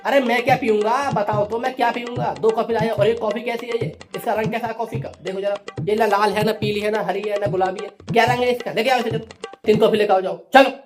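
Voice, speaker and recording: A man's voice: high voice, fairly even intonation, a little fast, lightly acted. A man playing a short-tempered, exasperated male schoolteacher who rants and scolds, in a comedy sketch with tabla music behind him. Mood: ranting.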